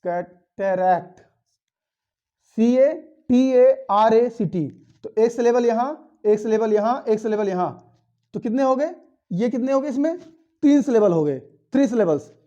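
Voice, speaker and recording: A man's voice: very high voice, moderate pace, warm tone, highs cut off. A man giving a step-by-step English grammar lesson, asking questions and then answering them himself. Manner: explains step by step, asks and answers his own questions.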